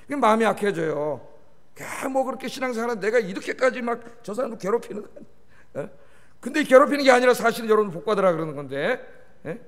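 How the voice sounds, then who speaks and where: A man preaching as a pastor at a midweek service, animated and often prompting the congregation for a response. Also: sits high, quick pace. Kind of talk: sermon. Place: large church sanctuary. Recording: long reverb of a large church hall.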